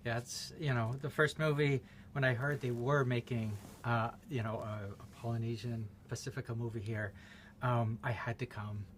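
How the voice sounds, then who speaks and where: A man's voice: mid-range voice, steady tone, normal speed, a little hiss or hum. A man film director answering interview questions earnestly and proudly, with small restarts.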